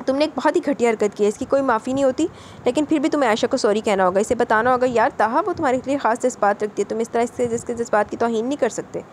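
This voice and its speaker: A woman's voice: fairly high pitch, quick pace, slight background noise, lightly acted. A woman voicing a young man who bluntly scolds his friend and lectures him to apologize. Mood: reproachful. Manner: reproachful, lecturing.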